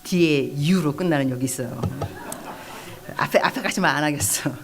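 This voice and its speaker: A middle-aged woman pastor giving a lively sermon to young adults, telling stories with chatty asides and acted-out outbursts. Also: low voice, normal speed, background noise. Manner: animated storytelling with quoted outbursts and chatty asides. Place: church hall.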